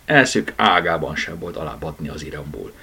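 Husky low-voiced male storyteller. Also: lively intonation, pushed and bright. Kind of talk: bedtime story reading.

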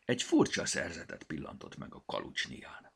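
A man reading a children's audiobook aloud, expressive and storytelling. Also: extremely low pitch, creaky, breathy edge. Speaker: narrator.

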